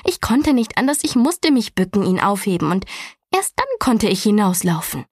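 A woman's voice: medium pitch, big pitch swings, moderate pace, breathy edge, dry recording, studio quality. A woman voicing a scared young boy who nervously pleads and tells of something lurking. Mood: pleading. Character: frightened young boy, anxious twin brother.

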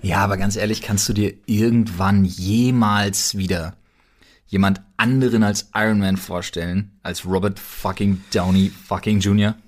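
A man in an excitable, slangy casual chat as a podcast co-host. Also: fairly low pitch, normal speed.

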